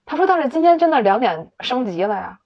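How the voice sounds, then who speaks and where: A woman's voice: high-pitched, very animated, fast talker, muffled recording. A woman telling a story in casual chat, laughing often, swearing casually and acting out the dialogue. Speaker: podcast co-host.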